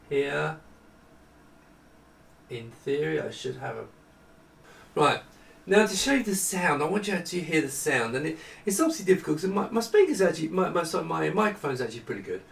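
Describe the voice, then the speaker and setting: In an indoor room full of retro computers, a man with a slightly high, creaky voice gives a casual, off-the-cuff tech demonstration, rambling as he thinks aloud. The distant mic captures a roomy echo and some music.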